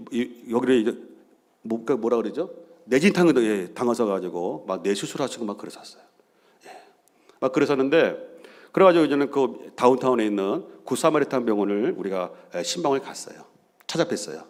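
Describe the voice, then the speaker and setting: A man in his fifties, a senior pastor, telling stories in a Sunday sermon and acting out the quoted lines. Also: mid-range voice. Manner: animated, acts out quoted bickering and voices.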